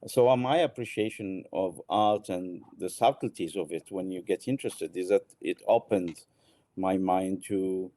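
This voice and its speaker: A middle-aged man from Morocco, answering interview questions thoughtfully, with frequent restarts and pauses. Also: sits low, dark tone, no echo. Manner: thoughtful, halting with many restarts. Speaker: guest, art exchange founder.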